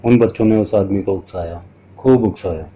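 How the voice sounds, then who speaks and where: Low-voiced man narrating a horror story. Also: moderate pace, warm tone, a little hiss or hum. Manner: dramatic, storytelling. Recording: dull lo-fi recording.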